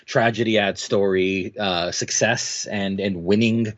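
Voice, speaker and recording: A man's voice: on the low side, steady tone, a little slow, muffled recording. A man talking casually as an interview guest, a game master who rambles with lots of fillers and restarts.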